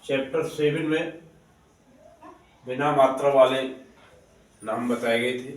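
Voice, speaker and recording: Slow patient man teaching children. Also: mid-range voice, fairly even intonation. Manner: slow, patient, repeats explanations. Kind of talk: spelling lesson for children. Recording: very echoey room, voice distant from mic.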